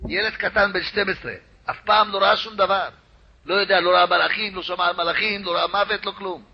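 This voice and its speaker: A man's voice: high voice, steady tone, creaky, breathy edge. A man, a rabbi, telling a story as a sermon in a dramatic, repetitive way. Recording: lo-fi radio recording.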